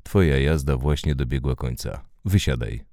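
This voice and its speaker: A man's voice: rumbling low, animated, moderate pace, darkish tone, no echo, clean studio sound. A man reading a curt, protective male driver. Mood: stern. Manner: curt, commanding. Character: male driver, protective, barely holding his anger.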